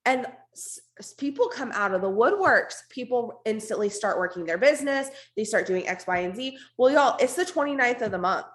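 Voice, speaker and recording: A woman with a hoarse, raspy, strained voice gives an informal, emphatic, unscripted motivational team talk on a video call. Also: on the high side, lively intonation, normal speed. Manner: informal, emphatic, repeats for stress, blunt. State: hoarse, losing her voice, coughing now and then. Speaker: network marketing team leader hosting an online meeting.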